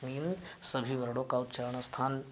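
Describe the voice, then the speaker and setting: A man teaching a grammar lesson, explaining slowly and deliberately and spelling out individual sounds one by one. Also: mid-range voice, flat delivery, slight background noise. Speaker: Sanskrit teacher.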